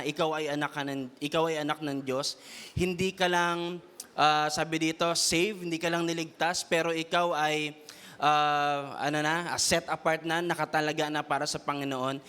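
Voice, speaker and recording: A man preaching a Taglish sermon to a congregation, often tagging his lines with a questioning "no?" and slowing down to stress key phrases. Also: on the high side, fairly bright tone, clear, resonant tone. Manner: repeats a questioning "no?" tag; has the congregation repeat lines to their neighbor. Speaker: youth preacher.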